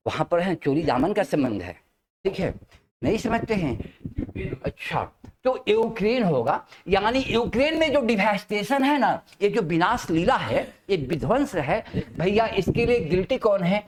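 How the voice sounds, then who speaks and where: A high-pitched man lectures a class in spoken English, dragging out key phrases for emphasis and pausing to check that everyone follows. A faint hiss sits under his voice. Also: sing-song.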